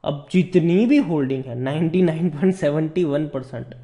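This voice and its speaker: Chatty male stock commentator, mellow tone. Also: a little high, moderate pace. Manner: conversational, repeats words for emphasis, calls viewers brother. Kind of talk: casual stock analysis over screen charts.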